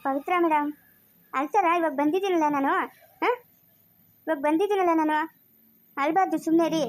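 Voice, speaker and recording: A woman playing a poor, gentle young male hotel worker who talks in a soothing, coaxing way in a family skit. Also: very high-pitched, a little fast. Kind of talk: amateur family skit acting.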